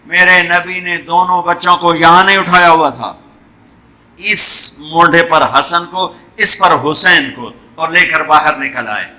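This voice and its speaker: A man's voice: fairly high pitch, bright, forceful tone. A man preaching an emotional sermon, telling stories with lamenting cries. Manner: impassioned storytelling, lamenting cries.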